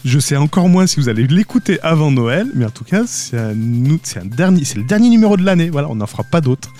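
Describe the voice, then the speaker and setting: A man's voice: on the high side, big pitch swings, fast, dark tone, faint music behind. A man co-hosting a casual tech podcast, joking, laughing often and rambling through asides from a small home studio. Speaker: podcast co-host.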